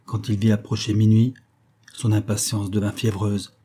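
Lecteur masculin, roman classique, voix sombre, lecture expressive et mesurée. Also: male voice, fairly low pitch, husky. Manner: measured, expressive literary reading. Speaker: narrator. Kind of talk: audiobook reading of a classic novel.

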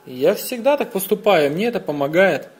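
A man's voice: high-pitched, lively intonation, normal speed, voice pushed up. Man voicing a bossy, frank schoolgirl. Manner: lecturing, matter-of-fact.

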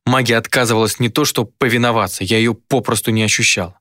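A man reading a dark fantasy story aloud in a measured, grave first-person narration. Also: mid-range voice, steady tone, no echo, studio quality.

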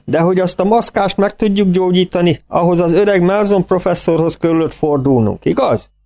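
A man's voice: sits high, warm tone, pitched above the performer's own voice. A man voicing a big, stately old farmer who talks in rustic country dialect, in an audiobook. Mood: pleased.

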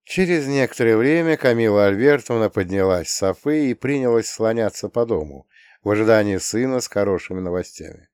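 A man reading an audiobook in an even, measured storytelling manner. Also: mid-range voice, clean tone, no room sound, clean studio sound. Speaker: audiobook reader. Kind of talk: scripted narration.

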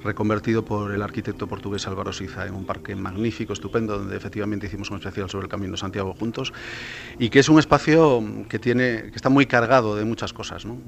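Man, journalist guest, fry in the voice, low pitch, explanatory, faint noise. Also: fairly even intonation, fast talker. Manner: explanatory, retells stories with many fillers. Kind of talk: radio talk discussion.

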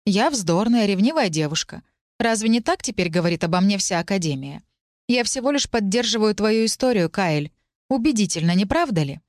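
A woman reading the lines of a calm, cold young woman student in an audiobook, in a composed and slightly mocking way. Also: medium pitch, a little fast, no echo, studio quality, natural voice. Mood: coolly mocking. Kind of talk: audiobook dialogue.

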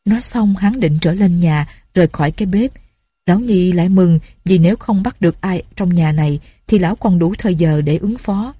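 A woman narrates a story in a calm, even reading style. Her voice is low, mellow and husky. The recording is close and dry with no room sound. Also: normal speed, no echo.

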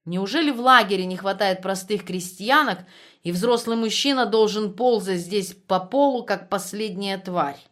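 A woman voicing a proud, humiliated German prisoner who speaks halting broken Russian. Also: medium pitch, fairly bright tone, lightly acted. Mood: bitter anger.

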